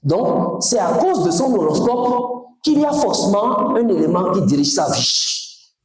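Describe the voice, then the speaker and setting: A spiritual teacher from Togo lectures a class in a high, animated voice, speaking emphatically and tossing questions to the audience. The room is very echoey.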